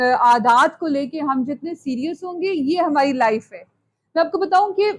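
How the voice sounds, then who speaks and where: Female lecturer with a high voice, chatty and conversational, checks in with "okay?" often. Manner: conversational teaching, mixes English phrases, asks "ठीक है?". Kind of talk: live Islamic lecture to young women. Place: lecture hall.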